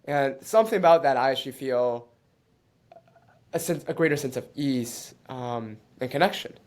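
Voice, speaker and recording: Born in China and raised in Canada, this man speaks as an interview guest with a medium-pitched, expressive, darkish voice. His reflective answers come haltingly, full of restarts and frequent laughter.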